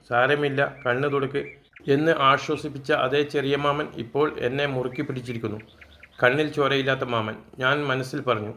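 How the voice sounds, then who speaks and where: A man's voice: mid-range voice, pushed and bright. Man telling a childhood story. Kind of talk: first-person story narration.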